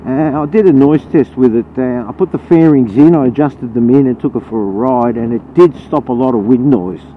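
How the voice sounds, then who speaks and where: Brisk and mid-range in voice, an Australian motorcycle vlogger chats bluntly and loosely as he rides. His helmet muffles the audio into a narrow band, and loud engine, wind and road noise dominate.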